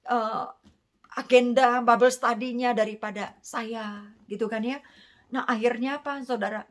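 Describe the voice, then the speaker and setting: A woman's voice: fairly high pitch, fairly bright tone. A middle-aged woman giving an earnest sermon, addressing her listeners directly and mixing in English words. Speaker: preacher.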